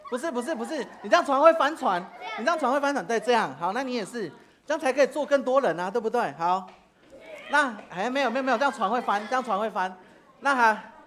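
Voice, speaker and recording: A woman's voice: on the high side, lively intonation, fast, fairly bright tone, a faint crowd. A woman, a preacher leading children in a playful church game, calling out commands and laughing often. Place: church sanctuary.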